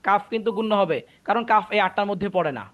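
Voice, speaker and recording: High-voiced man teaching Quran recitation. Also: very fast, dull audio. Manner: patient, repeats points and keeps checking understanding. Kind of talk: online tajweed class explanation.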